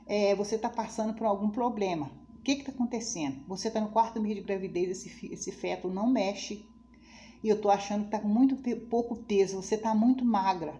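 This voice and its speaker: A woman's voice: a little high, warm tone. A middle-aged woman telling her own life story as a testimony, emotional and acting out what others said. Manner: emotional, quotes others' speech, pleading religious tone.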